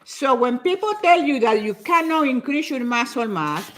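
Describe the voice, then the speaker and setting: Lively older woman talking to viewers. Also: sits high, a little hiss or hum. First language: Spanish. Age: 70s. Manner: lively, repeats herself, says she talks fast. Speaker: fitness speaker. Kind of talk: casual talk to viewers.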